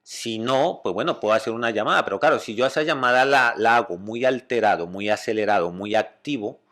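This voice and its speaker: A man with a Spanish accent, a psychologist calmly explaining communication and often checking that listeners follow. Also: mid-range voice, a little fast. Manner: calm, explanatory, checks understanding with "¿vale?".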